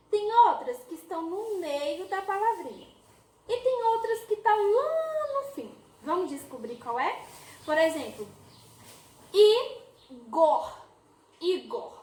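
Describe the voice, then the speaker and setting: A woman's voice: extremely high pitch, very animated, measured pace, darkish tone, slight background noise. A woman teacher giving a phonics lesson, stretching out syllables in a sing-song, coaxing way for young pupils. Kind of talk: early-years phonics lesson. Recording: roomy echo.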